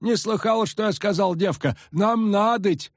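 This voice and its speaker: A man doing a loud hostile peasant lout. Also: high voice, normal speed, dry recording, studio quality, pitched above the performer's own voice. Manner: rough rustic speech, shouting.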